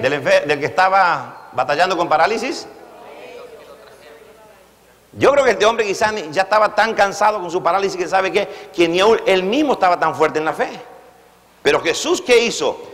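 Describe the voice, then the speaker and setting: A man's voice: high-pitched, a bit bright, in a large hall. A man preaching a sermon, throwing questions to the congregation and having them repeat after him. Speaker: pastor.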